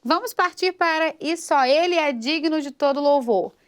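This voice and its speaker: A woman teaching a singing lesson, patiently explaining phrasing and checking in with her students as she goes. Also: sits high. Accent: Brazilian Portuguese. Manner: patient, explains slowly, checks in with "tudo bem?". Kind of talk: vocal lesson with sung examples.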